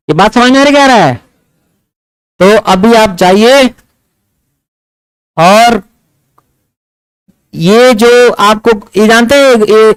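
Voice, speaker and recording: A man teaching English to a class, lecturing in a lively way and often asking the students questions. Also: very high voice, clear, resonant tone, no room sound, poor audio. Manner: animated, asks the class questions.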